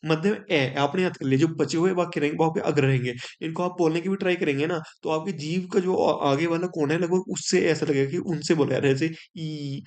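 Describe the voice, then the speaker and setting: A man's voice: on the high side, a little mellow. A man teaching a grammar lesson for exam students, explaining step by step and checking in with his listeners.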